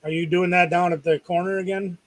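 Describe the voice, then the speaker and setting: A man's voice: high voice, level tone, a little fast, low-quality recording. A middle-aged man co-hosting a live stream, chatting casually with an easygoing, joking manner. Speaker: co-host.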